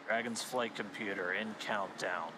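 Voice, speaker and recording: A man's voice: lowish voice, steady tone, measured pace. A man giving live commentary on a launch and explaining technical callouts. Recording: clear background noise.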